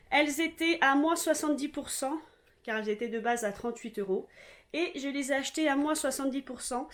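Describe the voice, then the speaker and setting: A French woman with a French accent, chatting casually through a shopping haul, rambling with many hesitations and restarts. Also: a little high. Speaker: vlogger.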